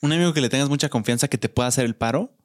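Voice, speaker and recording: A man's voice: mid-range voice, very fast. A man with a Mexican accent co-hosting a podcast in casual, joking chat. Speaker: podcast co-host.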